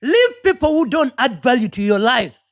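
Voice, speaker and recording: Speaking at normal speed in a high, sing-song voice, a woman from Uganda delivers a motivational talk in her Ugandan accent. She is earnest and preachy, frequently repeating words as she hunts for what comes next.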